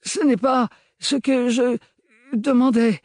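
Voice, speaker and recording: A raised, sneering young lout in a bowler hat, loud and scornful, from a storybook, as a male narrator puts him on. The voice is pushed well above the reader's own, husky and dry. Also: very high-pitched, fairly even intonation, takes it slowly, no echo, voice pushed up, exaggerated voice. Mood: mocking. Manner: sneering, then faltering. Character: boorish young man in a bowler hat, mocking.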